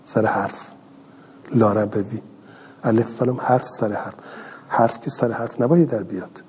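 A middle-aged man teaching a grammar class, reading a line of text and then explaining it slowly and patiently. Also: fairly low pitch, fairly even intonation, a little mellow, slight background noise. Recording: dull lo-fi audio in a hall.

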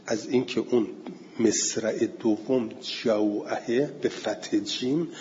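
Male teacher, methodical explainer who quizzes himself, mid-pitched, faint background hum. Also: darkish tone, long reverb tail, highs cut off. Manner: explains step by step, poses and answers his own questions; slows down to recite Arabic verse and terms. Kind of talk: explaining Arabic word meanings in a class.

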